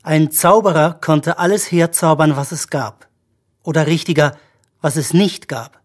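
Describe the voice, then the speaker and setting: A narrator reading a story for an audiobook in a measured, even-paced manner. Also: medium pitch.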